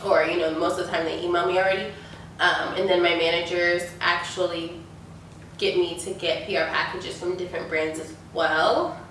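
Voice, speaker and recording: At a moderate pace and level tone, a young beauty YouTuber talks in a low-leaning, slightly bright voice, nasal from a sinus infection. Her casual Q&A is loaded with likes and ums, captured in an echoey space with a distant mic and a little noise.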